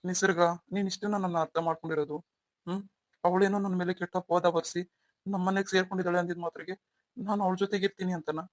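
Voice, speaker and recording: Brief: woman as young husband, protective but quick to anger, low-ish voice, rapid and flat. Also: no room sound, natural voice. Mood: tender. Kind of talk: melodramatic audio story acting.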